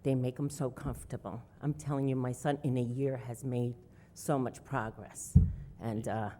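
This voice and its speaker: Very low, dark-voiced earnest mother. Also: steady tone, moderate pace, a little hiss or hum. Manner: earnest, effusive, with fillers. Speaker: parent speaking at a hearing. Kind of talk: public comment. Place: village hall meeting room. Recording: reverberant hall.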